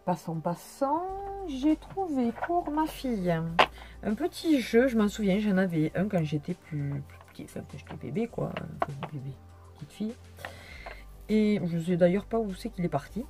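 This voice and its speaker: A woman's voice: medium pitch, a little mellow. A tired young woman chatting through a casual haul video, rambling and hesitant with many fillers. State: tired, yawning. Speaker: vlogger.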